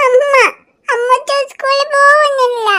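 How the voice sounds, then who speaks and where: This is a sulky little girl from a cartoon, voiced by a woman. She whines and whimpers through every refusal, her voice pitched very high and childlike. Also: steady tone, a little slow, sharp tone, exaggerated voice. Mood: tearful, stubborn. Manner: whiny, tearful pleading. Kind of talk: cartoon voice acting.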